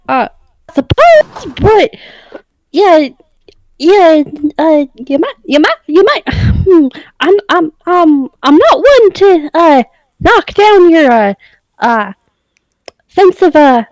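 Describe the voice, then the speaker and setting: A woman's voice: extremely high pitch, big pitch swings, slow, dry recording, low-quality recording. A woman player in a tabletop game who sounds puzzled and stammers over her words. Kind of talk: in-character tabletop role-play.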